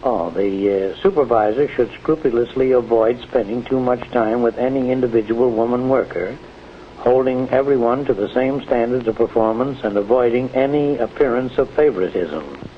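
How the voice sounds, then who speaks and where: Actor as avuncular 1940s American plant manager, muffled film sound. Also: male voice, mid-range voice, a little hiss or hum, close to an everyday voice. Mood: lecturing. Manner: measured, lecturing, avuncular. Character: genial, condescending senior plant manager advising a foreman. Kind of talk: 1940s instructional film acting.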